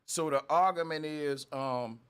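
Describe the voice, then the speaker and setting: Emphatic man with a higher voice. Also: unhurried, fairly bright tone, clean tone. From United States. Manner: interrupts, emphatic, repeats phrases. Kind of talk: heated casual debate.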